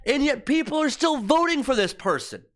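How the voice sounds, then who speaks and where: A man speaks at a moderate pace in a very high, fairly bright, expressive voice. He's a livestream host venting his anger in a profane political rant, repeating things for emphasis.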